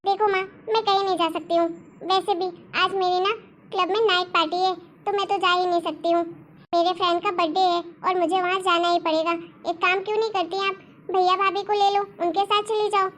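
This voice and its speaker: A woman's voice: extremely high pitch, flat delivery, a little fast, fairly bright tone, a little hiss or hum. A woman voicing a curt, impatient young daughter. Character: rude party-loving young daughter. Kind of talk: cartoon voice acting.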